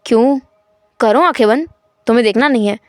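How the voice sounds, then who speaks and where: A woman voicing a cold, teasing, dominant young husband in a storytelling fan fiction, speaking low, calm and insistent. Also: brisk, dry recording, clean studio sound, close to an everyday voice.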